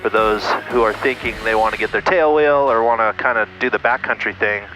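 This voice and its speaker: A man's voice: lowish voice, fairly quick, sharp tone, soft background music, rough recording. A man talking casually to viewers as a pilot and host, thinking aloud and narrating what he does in a small plane cockpit. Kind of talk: casual vlog talk to viewers while flying. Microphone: aviation headset.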